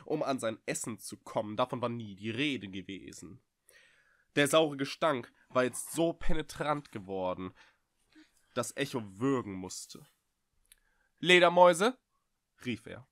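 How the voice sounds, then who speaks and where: Male storyteller, expressive, dry close mic. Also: medium pitch, no room sound. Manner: expressive, vivid. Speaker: audiobook reader. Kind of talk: dramatic storybook reading.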